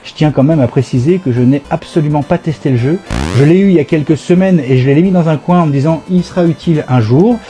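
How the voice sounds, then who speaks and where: A man with a stuffy cold hosts a casual live gaming stream, talking playfully and nostalgically. His voice sits high for a man but is mellow and soft-edged. Faint music plays behind him. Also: quick pace. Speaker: host.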